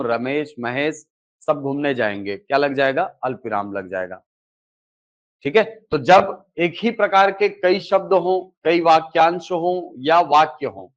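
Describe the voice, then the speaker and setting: Male teacher, classroom lecture, asks and answers himself, higher voice, dull lo-fi sound. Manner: repeats key terms with "ठीक है". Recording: dull lo-fi recording.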